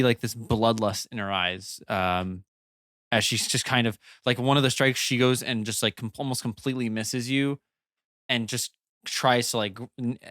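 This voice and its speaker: A man narrating a tabletop game as game master, loose and halting with many fillers. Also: medium pitch, a bit bright, no room sound, studio quality.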